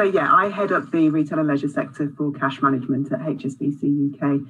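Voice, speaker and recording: A woman's voice: deep voice, a little hiss or hum, rough recording. A woman who heads a banking sector, giving a friendly introduction with small restarts. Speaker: bank sector head panelist. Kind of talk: panel introduction.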